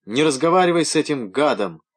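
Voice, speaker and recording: A headstrong young woman snaps shrill orders, as a male audiobook reader puts her on. Her lines come raised and bossy within a storybook narration. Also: expressive, fairly quick, husky.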